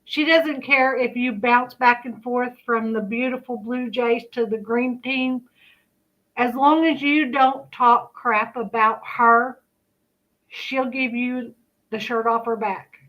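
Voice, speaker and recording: High-voiced woman with slurred, toothless speech. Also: fairly even intonation, slow, muffled recording. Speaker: video creator. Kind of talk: casual reaction commentary.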